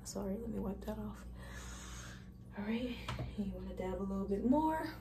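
A woman's voice: mid-range voice, animated, moderate pace. A young woman vlogger talking viewers through a hair tutorial in a casual, chatty, informal way. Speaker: beauty vlogger.

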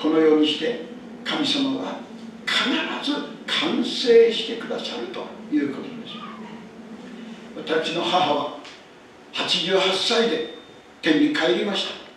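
A man's voice: fairly high pitch, fairly bright tone. An older man, a pastor, giving an emphatic sermon and repeating key phrases for weight. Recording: echoey church hall, distant mic, faint noise.

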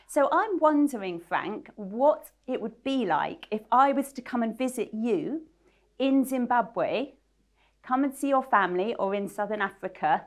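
A woman's voice: a little high, animated, measured pace. A middle-aged woman interviewing a church member, asking questions and affirming the answers, on a lapel mic in a small studio. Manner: encouraging, affirming. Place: small indoor studio set.

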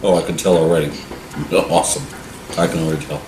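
A man's voice: rumbling low, fairly even intonation, fast, background noise. A man hosting a taste test, talking while chewing, in a chatty, enthusiastic way. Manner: chatty and enthusiastic food reviewer. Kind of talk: casual chat. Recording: echoey room with music behind.

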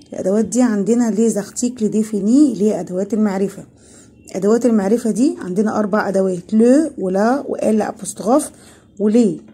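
Husky-voiced Egyptian woman teaching French. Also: medium pitch, warm tone. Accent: Egyptian Arabic. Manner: patient, asks and answers her own questions. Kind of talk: online lesson explaining grammar.

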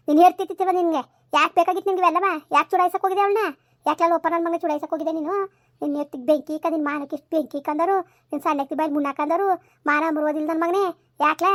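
A woman's voice: very high voice, no echo, studio quality. A furious scolding village mother. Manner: rapid-fire scolding, repeated insults. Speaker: mother in a village comedy skit. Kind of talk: rural comedy skit acting.

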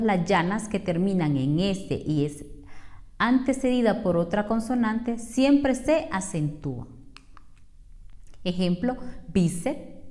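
A woman from Honduras teaching a scripted lesson, speaking slowly and clearly and listing examples one by one. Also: mid-range voice, a little mellow.

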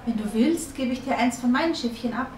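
A woman's voice: a little high, a little fast, darkish tone, slight background noise, lightly acted. A woman voicing a shy, friendly little girl who speaks a bit bashfully, in an echoey room from a distance.

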